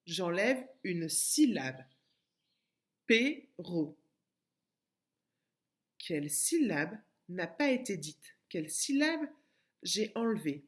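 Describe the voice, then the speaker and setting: A woman with a French accent giving a remote phonics lesson to young children, with careful, clearly split syllables and patient explanations. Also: fairly low pitch, sing-song, slow pace. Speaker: kindergarten teacher.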